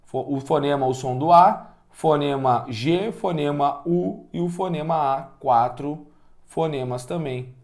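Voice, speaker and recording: A man with a Brazilian Portuguese accent teaching a class, energetic, asking the students questions and counting out loud. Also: fairly high pitch, a little slow. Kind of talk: online class lecture.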